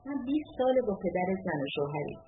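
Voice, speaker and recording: A woman's voice: fairly low pitch, sing-song, background noise. A careful, probing middle-aged mother, as a woman narrator puts her on. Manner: measured, choosing words carefully. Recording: tinny lo-fi audiobook with music.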